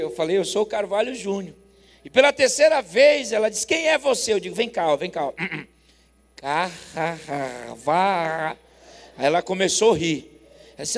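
A Brazilian man in his forties preaching as a pastor, telling a story with lively acted dialogue and loud laughter. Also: high-pitched. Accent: Brazilian Portuguese. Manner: animated, acts out both sides of a dialogue, laughs loudly. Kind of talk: sermon storytelling. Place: church. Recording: long reverb of a church hall.

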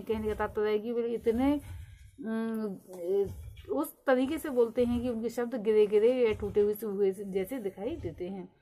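A woman's voice: fairly high pitch, dark tone, poor audio. A woman teaching a lecture, explaining step by step and slipping English terms into her explanations. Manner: explains step by step, mixes English terms, slows to read English definitions.

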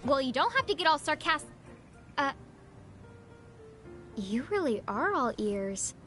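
A bossy big sis in a game, high voice, pushy and quick. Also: female voice, big pitch swings, a bit bright, soft background music, heavily acted. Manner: brisk, insistent. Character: bossy impatient young woman, big sister.

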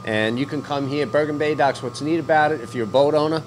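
A man's voice: on the high side, quick pace, noisy background. An older man hosting a fishing report on location, chatting casually with many fillers into a handheld mic. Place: outdoors at docks, then inside a deli.

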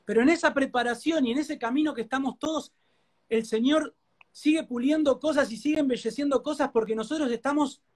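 A man's voice: very high voice, a little fast. Earnest Rioplatense man giving testimony. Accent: Rioplatense Spanish. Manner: earnest, preacherly, repeats phrases for emphasis. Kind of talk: emotional testimony in a live interview.

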